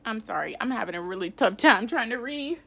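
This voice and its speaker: A woman's voice: a little high, expressive, vocal fry, bright, forceful tone. A woman teacher, reading a picture book aloud to children and stopping to quiz them. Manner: reads slowly, stops to quiz children. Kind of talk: read-aloud lesson for children. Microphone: phone camera.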